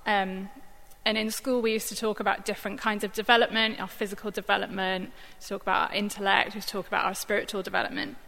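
A church staff member, a woman with a bright, mid-range voice, offers a Bible reflection in the style of an informal sermon. She talks fast and conversationally with a level tone, some creak, few pauses and plenty of fillers, sounding thoughtful. The recording carries a long hall reverb.

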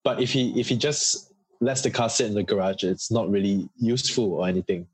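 As a guest in an interview, this Singaporean man talks fairly quickly in a husky, fairly low voice, walking through ideas earnestly and conversationally with examples. The recording is dry, close and rough, with no room sound.

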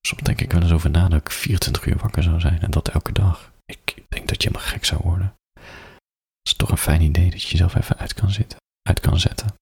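A man reading an adult story aloud as a bedtime story, soft, slow and intimate, drifting into whispers, close to the microphone. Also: deep voice, steady tone, vocal fry, slightly rough, no echo.

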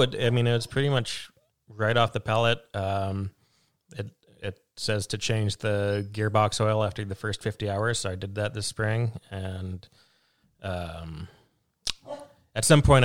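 In a lowish voice, a man who farms vegetables responds to an interviewer, easygoing yet halting, often restarting sentences and using lots of fillers.

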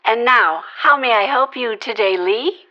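A woman's voice: a little high, animated, measured pace. A woman playing an overly eager church call-center agent with syrupy, salesy patter in a radio play. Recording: dull lo-fi sound.

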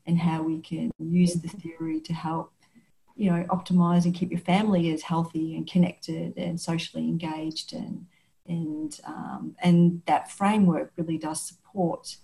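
An Australian woman hosting a podcast chats casually in an interview, sounding thoughtful, restarting sentences often and murmuring agreement frequently. Her deep, dark, creaky voice is flat and unhurried, and the recording quality is low.

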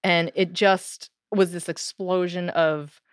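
A woman co-hosting a podcast, casually telling a true spooky story, animated and laughing now and then, with lots of "so" and "like". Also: lowish voice, takes it slowly, clear, resonant tone, dry recording, clean studio sound.

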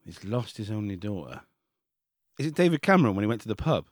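A man's voice: lowish voice, sing-song, fast talker, dry recording, clean studio sound. A man co-hosting a film podcast in casual chat, wry and joking. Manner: wry, joking, laid-back. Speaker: podcast co-host.

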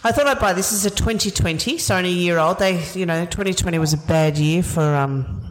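Low-voiced woman talking wine. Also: low-quality recording. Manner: knowledgeable, chatty, quick laughs. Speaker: wine educator. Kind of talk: casual wine tasting chat.

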